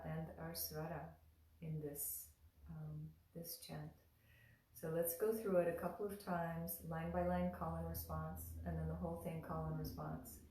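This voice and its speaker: A woman teaching mantra chanting in a gentle spoken lesson, leading call-and-response lines that she draws out in song. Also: on the low side. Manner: soft, unhurried teaching, lifting into drawn-out sung chant lines. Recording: roomy echo, voice heard from a distance.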